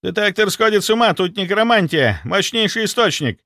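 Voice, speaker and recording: A man narrating an audiobook, voicing a frantic male inquisitor who shouts urgently. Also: high-pitched, big pitch swings, a little slow, no room sound, clean studio sound, voice pushed up, full character voice.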